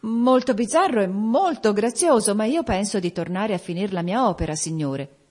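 A woman's voice: medium pitch, expressive, moderate pace, darkish tone, slightly rough, voice pushed up. A woman voicing a frightened male gravedigger who stammers his answers. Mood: terrified. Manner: stammering, fearful.

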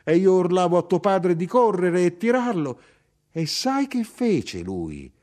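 A blunt, proud older mother, as a male reader puts her on. Her voice climbs high and swings widely, full of spirited emphasis. She talks like a storybook matriarch who brooks no nonsense. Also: a little slow. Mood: brisk, spirited. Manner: lively, animated dialogue. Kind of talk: audiobook reading.

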